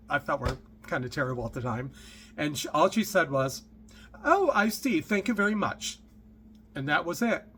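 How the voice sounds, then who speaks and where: Bright-voiced man telling a story. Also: a little high, slight background noise. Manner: chatty, rambling, with many fillers and asides. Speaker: lecturer telling a personal story. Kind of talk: casual storytelling to camera.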